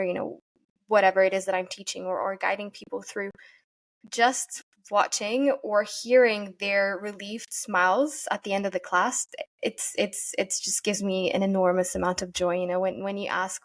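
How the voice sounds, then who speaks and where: A woman from Portugal, a yoga teacher giving earnest, thoughtful interview answers and often pausing to find her words. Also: mid-range voice. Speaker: podcast guest, yoga teacher.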